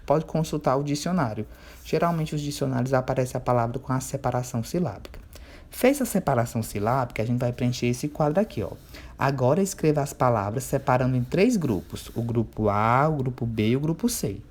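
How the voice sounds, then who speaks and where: Man, teacher of young kids, patient, drawls words out slowly to spell them, keeps checking that the class follows. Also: medium pitch, darkish tone. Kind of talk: remote workbook lesson for children.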